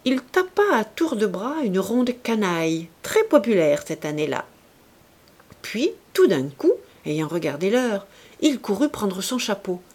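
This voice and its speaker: Expressive woman narrating a classic novel. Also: mid-range voice. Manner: expressive, measured reading. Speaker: audiobook reader. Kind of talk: literary audiobook narration.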